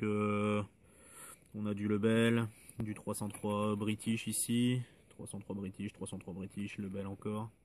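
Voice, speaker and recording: Relaxed man showing his finds. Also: fairly low pitch, background noise. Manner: relaxed, hesitant, many fillers and trailing asides. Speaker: metal detecting vlogger. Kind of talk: casual show-and-tell of finds.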